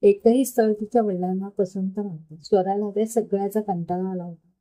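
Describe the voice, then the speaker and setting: Mellow-voiced woman narrating an emotional story. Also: mid-range voice, steady tone, fairly quick, rough recording. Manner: reads narration and gives characters' lines gently. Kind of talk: emotional story reading with character dialogue.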